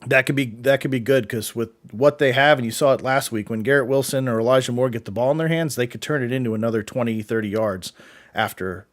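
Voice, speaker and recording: A man's voice: mid-range voice, fast talker. A man co-hosting a fantasy football show in a loose, casual chat. He answers viewer questions with plenty of fillers and restarts, sounding easygoing and unscripted. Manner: rambling, many fillers and restarts.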